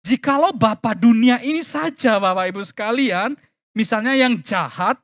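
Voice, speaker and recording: A man's voice: moderate pace, dry recording. Dry-sounding emphatic preacher man. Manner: emphatic, swinging between loud stresses and quiet low asides; keeps addressing the congregation with tag phrases. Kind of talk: sermon. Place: church.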